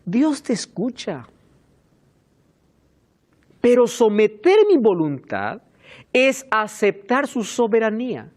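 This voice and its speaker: Animated male preacher, very lively pitch. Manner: emphatic, animated preaching with asides to helpers. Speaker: pastor. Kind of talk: sermon.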